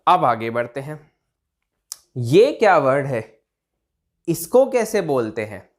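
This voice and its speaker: Lively male teacher drilling pronunciation. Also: mid-range voice. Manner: repeats words slowly, drawn out, checks in with "theek hai?"; writes on a board while talking. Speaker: English teacher. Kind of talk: pronunciation lesson.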